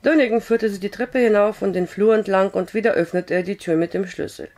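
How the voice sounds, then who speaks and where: Hoarse woman reading a novel aloud. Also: medium pitch, fairly quick. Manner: calm, steady storytelling with occasional slips. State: hoarse with a cough. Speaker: audiobook reader.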